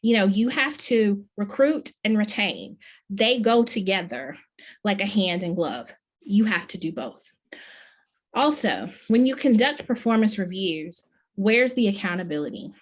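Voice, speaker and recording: A woman's voice: mid-range voice, lively intonation, a little slow. A middle-aged woman, a professor, delivering a conference keynote in an earnest, emphatic way, with many questions. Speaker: plenary speaker, professor.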